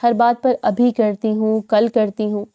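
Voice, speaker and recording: A woman voicing a stern, harried middle-aged mother who scolds her daughters in a sharp tone. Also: fairly high pitch, level tone, clean tone, close to an everyday voice. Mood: scolding.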